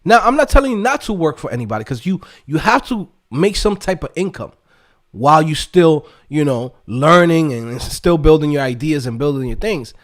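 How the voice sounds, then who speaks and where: This YouTube host and developer coach from the Dominican Republic speaks at a normal speed in a high, expressive voice whose intonation rises and falls dramatically. His motivational rant to online viewers is casual, emphatic, and streetwise, packed with slang and quick tag questions.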